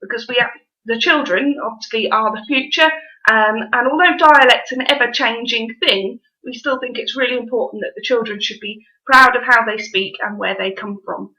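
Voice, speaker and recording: Norfolk woman, bright forward voice, higher pitch, informal teacherly presenter, dull lo-fi recording. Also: moderate pace. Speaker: dialect society presenter and quiz host. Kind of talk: informal presentation with quiz questions. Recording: dull, lo-fi audio.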